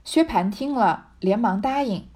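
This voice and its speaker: A woman narrating a classic novel in a measured storytelling way. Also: a little high, expressive, a little mellow. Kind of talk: audiobook reading of a classic novel.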